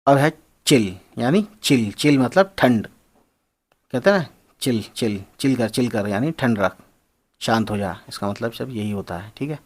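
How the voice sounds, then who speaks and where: A man with a medium-pitched, expressive voice talks a little slowly as he walks through English slang words. It's a casual, explanatory lesson in which he spells words out, repeats phrases, and speaks to viewers as friends.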